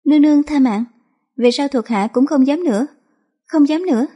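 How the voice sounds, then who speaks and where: A woman's voice: normal speed, dark tone, lightly acted. A woman voicing a terrified male prison chief who begs for his life in a raised, strained voice. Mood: begging. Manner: pleading, high and strained.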